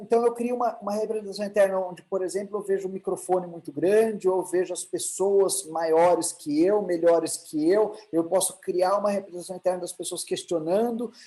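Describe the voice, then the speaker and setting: The recording is low quality, capturing a high-pitched man with a dark tone and a Brazilian Portuguese accent. Lecturing online on emotional intelligence, he answers his own rhetorical questions and restarts often.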